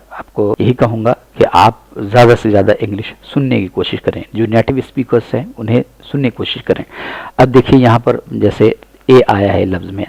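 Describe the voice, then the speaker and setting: Urdu-accented guy teaching english sounds, low gravelly voice, dry close mic, repeats every word slow. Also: darkish tone, no echo, low-quality recording. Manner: slow, deliberate model phrases, repeating each word. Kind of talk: pronunciation lesson in Urdu.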